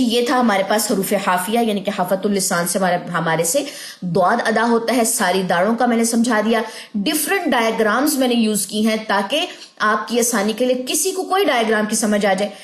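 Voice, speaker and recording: Woman teacher, high voice, patient explainer, echoey room recording. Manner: explains patiently, demonstrating slow drawn-out recitation. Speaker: tajweed teacher. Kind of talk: online recitation lesson.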